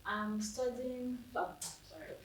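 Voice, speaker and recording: A woman's voice: on the high side, flat delivery, takes it slowly. Hesitant young woman from Nigeria. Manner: hesitant, many fillers and restarts. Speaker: panelist, scholar. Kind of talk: casual panel discussion. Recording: echoey room, distant mic, faint noise.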